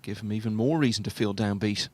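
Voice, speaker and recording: A man commentating on snooker in a hushed, measured, understated and analytical way. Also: on the low side, fairly even intonation.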